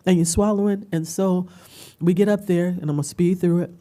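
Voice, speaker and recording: A middle-aged woman speaking at a community panel, telling a personal story with animated emotion and frequent laughter. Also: lowish voice, fairly quick. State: tearful at times. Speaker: panel speaker and business owner.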